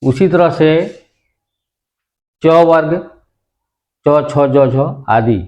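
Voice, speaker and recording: Heard through a muffled recording, a man with a highish, slightly mellow voice teaches grammar in the manner of a classroom. He takes his time, restating every point and asking his audience questions that he answers on his own.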